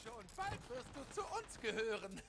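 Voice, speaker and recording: A man's voice: very high-pitched, wildly swooping pitch, moderate pace, creaky, heavily acted. A man voicing a boastful undead skeleton enemy in a video game, taunting the heroes with menacing threats. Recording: game audio under loud gunfire.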